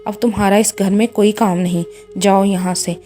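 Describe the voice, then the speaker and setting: A woman's voice: medium pitch, fairly even intonation, warm tone, faint music behind, close to an everyday voice. A woman voicing a harsh older mother-in-law who scolds and belittles her daughter-in-law. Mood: scolding. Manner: scolding, contemptuous.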